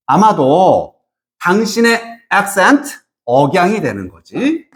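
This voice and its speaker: An English teacher works through a reading passage in Korean, reading each English phrase slowly and then translating it. The delivery is unhurried and lively in pitch, rising and falling a lot. Frequent check-ins with the class keep it conversational. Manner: asks students frequent rhetorical check-in questions.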